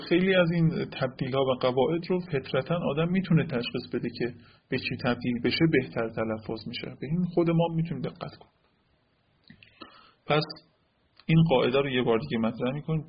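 A man's voice: medium pitch, husky, highs cut off. A man teaching an Arabic grammar lesson, explaining step by step and often checking with "right?".

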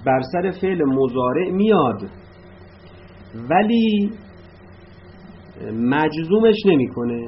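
A man teaching an Arabic grammar lesson, patiently explaining and reciting verb forms in drills, with "uh" pauses between points. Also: medium pitch. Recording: slightly dull lo-fi recording with faint noise.

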